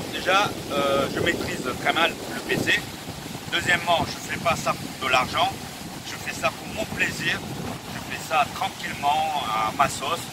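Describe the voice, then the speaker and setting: This YouTuber, a man in his fifties with a fairly high pitch, haltingly answers viewer questions in a casual vlog. French isn't his first language: of Chinese descent and from Vietnam, he came to France at fourteen and learned it as a teen, and his phrasing shows it, with repeated phrases. Strong wind and outdoor ambient noise are loud throughout.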